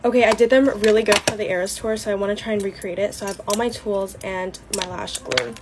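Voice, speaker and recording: Teen girl, casual beauty vlog chat, loose and filler-heavy, steady noise under the voice. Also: mid-range voice, fast talker. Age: late teens. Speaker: beauty vlogger. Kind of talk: get-ready-with-me vlog chat.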